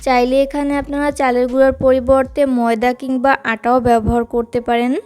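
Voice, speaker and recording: High-pitched lady narrating a recipe quick and even, soft music under it. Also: smooth. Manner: steady instructive step-by-step delivery. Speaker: cooking channel host.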